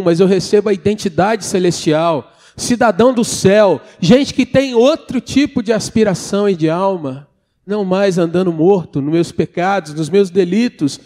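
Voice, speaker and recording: A man's voice: high-pitched, warm tone. A man preaching a sermon to his church congregation in a Minas Gerais Brazilian Portuguese accent, earnest and addressing them directly as brothers and sisters. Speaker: pastor. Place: church sanctuary.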